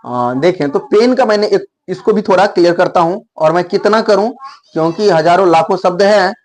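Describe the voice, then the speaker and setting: A man's voice: high-pitched, moderate pace. A man teaching English words in a video lesson, explaining step by step and repeating words to model their pronunciation.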